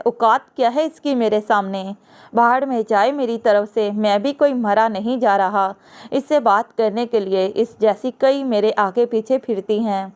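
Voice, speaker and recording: Arrogant young gangster man in a storybook reading, cold and scornful; a woman reads him in her own clear voice. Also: fairly high pitch, a little mellow, lightly acted.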